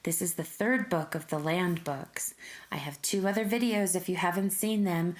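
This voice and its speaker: With a fairly low-pitched voice, a woman narrates a rhyming children's story, talking directly to her young audience in a deliberate, expressive way.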